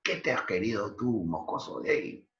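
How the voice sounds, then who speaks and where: A man's voice: on the low side, sing-song, moderate pace, background noise, voice pushed up. A man reading out the lines of a jealous old widowed nobleman, scolding and indignant, in an echoey, dull recording.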